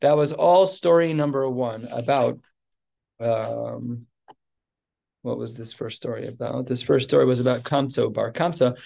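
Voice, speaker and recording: Gravelly-voiced man teaching Talmud. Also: mid-range voice, a little slow, warm tone. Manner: explains text in plain English, many fillers and restarts. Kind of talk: Talmud class, translating Aramaic line by line.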